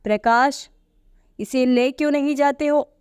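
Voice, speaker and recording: A woman's voice: on the high side, steady tone, slow pace, clean tone, no room sound, clean studio sound, pitched above the performer's own voice. A woman reading the lines of a stern middle-aged father who gives his son firm orders. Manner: firm, commanding.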